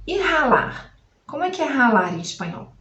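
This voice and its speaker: A woman with a fairly high voice teaches a language lesson straight to the viewer. She asks questions, then repeats each word slowly and clearly. The room gives her voice a noticeable echo. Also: big pitch swings, fairly bright tone, highs cut off. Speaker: Spanish teacher.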